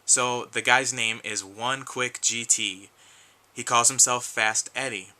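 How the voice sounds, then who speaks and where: A man's voice: mid-range voice, steady tone, takes it slowly, sharp tone, low-quality recording. A man talking earnestly to camera in a casual vlog, rambling with frequent restarts and losing his voice a little. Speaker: YouTube collector vlogger.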